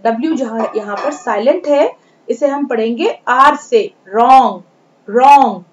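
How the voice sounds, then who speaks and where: A woman teacher with an Indian accent giving a pronunciation lesson to children, spelling out each word letter by letter and repeating it. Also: high voice. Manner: slow, spells words letter by letter and repeats them. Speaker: English teacher. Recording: dull lo-fi recording.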